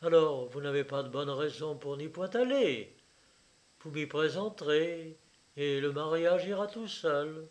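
A man doing a cold, calm young son. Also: fairly high pitch, measured pace.

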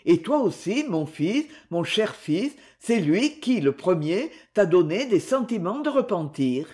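A narrator reading a classic novel as an audiobook in a measured, expressive way. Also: mid-range voice.

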